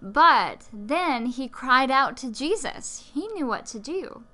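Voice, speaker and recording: Slow, bright-voiced woman co-hosting devotionals. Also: high voice, lively intonation. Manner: encouraging, gently preachy. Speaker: podcast co-host.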